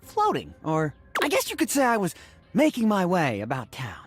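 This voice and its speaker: An actress playing a dramatic, self-serious video game character who narrates with theatrical, deadpan earnestness. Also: female voice, lowish voice, normal speed, slightly rough, dry recording, faint music behind, heavily acted. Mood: brooding, dramatic.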